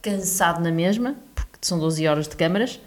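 Fast-talking young Portuguese woman, low voice. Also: darkish tone. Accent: European Portuguese. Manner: quick, chatty explainer. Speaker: podcast co-host. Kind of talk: casual chat.

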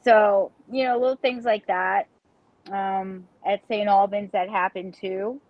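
A woman's voice: mid-range voice, fairly even intonation, measured pace, no echo. A woman, a paranormal investigator chatting bluntly about her experiences as a medium. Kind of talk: casual storytelling. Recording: dull, dry audio.

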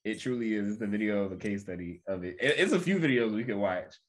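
A man's voice: lowish voice, expressive, fast. A man in casual podcast conversation, speaking earnestly and restating his points as he goes. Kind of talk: casual chat.

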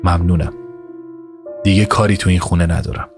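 A man reading the lines of an exhausted, determined young woman in a quiet, resolute way over a music score. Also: sits low, fairly even intonation.

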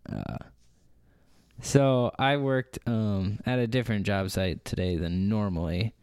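A man's voice: lowish voice, measured pace, darkish tone, clear, resonant tone, dry recording, studio quality. A young man co-hosting a casual podcast, telling a work story with many fillers and restarts and laughing often. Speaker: podcast co-host.

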